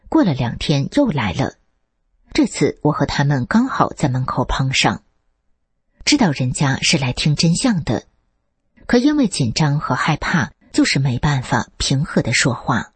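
A woman reading a first-person account as scripted narration, lifting her pitch for quoted speech. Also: sing-song, moderate pace, husky, no echo. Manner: reads steadily, lifts the pitch for quoted speech.

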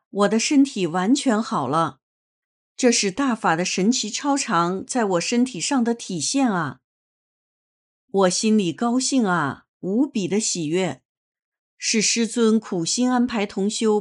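Woman narrator, unhurried, earnest read-aloud testimony, mid pitch. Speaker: reader of a personal testimony.

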